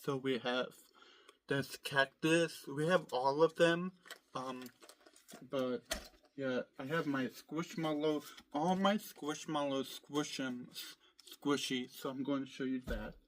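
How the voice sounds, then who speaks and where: Male vlogger, hoarse from a cold, slow and meandering delivery, frequent fillers. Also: mid-range voice, steady tone, slight background noise. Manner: rambling, full of fillers and restarts. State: hoarse from illness, clearing throat. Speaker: vlogger showing his collection. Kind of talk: casual rambling vlog. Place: at home.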